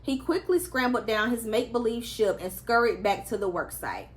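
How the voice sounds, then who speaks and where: A woman's voice: a little high, normal speed. A woman reading a children's story aloud as a storyteller, acting out the characters' lines expressively.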